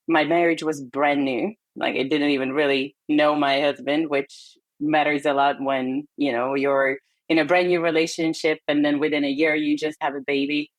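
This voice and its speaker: A Hungarian woman in her thirties appears as a guest on a podcast, chatting casually in an interview. She speaks with a Hungarian accent, candid and reflective, often hesitating with fillers. Her voice sits low, and the low-quality recording has no room sound.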